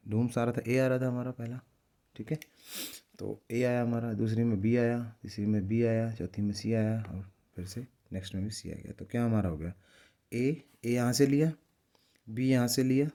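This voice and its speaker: Mellow-voiced man teaching step by step. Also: medium pitch. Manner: patient, repetitive, step-by-step explaining; reads English poem lines slowly and drawn-out. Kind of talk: explaining a lesson in Hindi.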